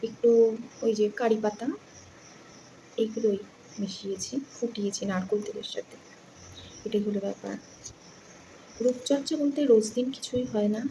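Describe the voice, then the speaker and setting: A woman chatting casually in a home vlog, rambling and speaking softly because others are asleep. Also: medium pitch, background noise. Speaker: vlogger.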